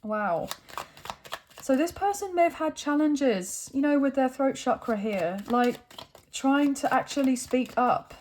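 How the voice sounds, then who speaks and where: Captured on a phone with a little hiss or hum in the background, a woman reads tarot to camera in a chatty, easygoing manner. Her slightly high, darkish voice is animated but noticeably croaky and tired from overuse, and she often checks in with "okay" or "right."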